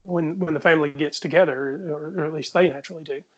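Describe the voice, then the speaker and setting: A man's voice: a little high, fairly even intonation, fast. A man in his fifties, a podcast host telling a personal story in a reflective way. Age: 50s. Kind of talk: casual podcast discussion. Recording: muffled lo-fi audio.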